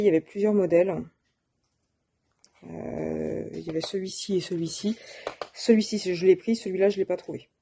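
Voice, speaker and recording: A woman's voice: fairly low pitch, dark tone. A woman presenting her shopping haul of craft supplies in a casual, hesitant way, with many fillers and self-corrections. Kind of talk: casual show-and-tell.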